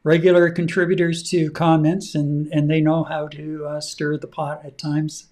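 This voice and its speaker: A middle-aged man co-hosting a casual talk show, relaxed and rambling with plenty of fillers. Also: on the high side, moderate pace. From Canada. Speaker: podcast co-host. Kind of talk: casual chat.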